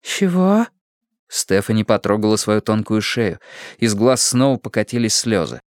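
A man narrating an audiobook in an expressive reading voice. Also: lowish voice, moderate pace, no room sound, clean studio sound.

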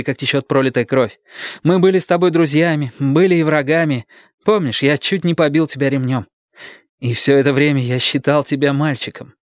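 A man's voice: medium pitch, no room sound, clean studio sound, lightly acted. A man reading an audiobook, voicing an earnest, brave young man who speaks in a heartfelt way.

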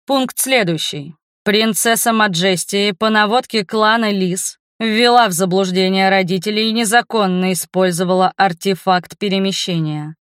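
A woman reading the lines of a formal male academy rector in an audiobook, in a measured, official way. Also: medium pitch, a bit bright, clean tone, no echo, clean studio sound, lightly acted. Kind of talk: audiobook narration.

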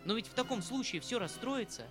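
A man's voice: very high-pitched, expressive, brisk, pitched above the performer's own voice. A man reading a fretful old uncle. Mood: agitated. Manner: emotional, rambling, pleading. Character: tender, fretful aging uncle, a retired colonel. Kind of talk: audiobook reading of a classic novel. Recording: faint background music.

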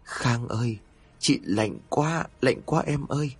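A man voicing the ghost of a young woman, cold and sad, who speaks softly and slowly with a trembling voice. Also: medium pitch, expressive, husky, no room sound, voice pushed up. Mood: soft pleading. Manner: soft, trembling, slow.

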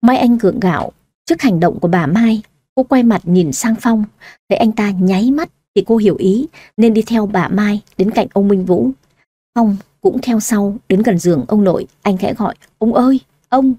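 A woman narrating a story audiobook-style with a steady, even reading. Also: mid-range voice, normal speed, no echo.

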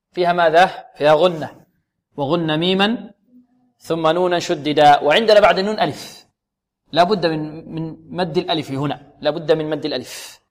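رجل يقدّم درساً في تجويد القرآن، يطرح الأسئلة ثم يجيب عنها بنفسه، ويكرر نطق الحروف ببطء ليردده الطلاب. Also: male voice, on the high side. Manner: asks questions and answers them himself, repeats sounds slowly for students. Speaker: Quran recitation teacher. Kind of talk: tajweed lesson. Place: radio program recording.

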